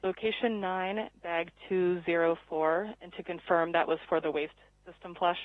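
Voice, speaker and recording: Female ground communicator, slightly low pitch, tight dry radio transmission for procedural calls. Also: fairly even intonation, moderate pace, dry recording. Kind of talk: radio communications, read-backs. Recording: narrow phone-like radio link.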